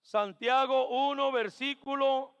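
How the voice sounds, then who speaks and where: A man with a very high, ringing voice, preaching as pastor to his congregation. He swings between hushed murmurs and shouted calls, echoing key phrases back. The sound carries a long reverb from the church hall. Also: steady tone, slow, clean tone, muffled recording. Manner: acts out doubting churchgoers' questions; repeats key phrases for emphasis. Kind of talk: Pentecostal sermon. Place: church sanctuary.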